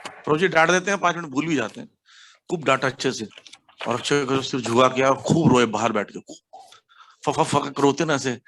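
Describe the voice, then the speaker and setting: A man's voice: brisk, slight background noise. A man from India giving a devotional class, telling stories animatedly and mixing English words into his speech. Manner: animated storytelling, acts out quotes with sharp pitch jumps. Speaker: preacher.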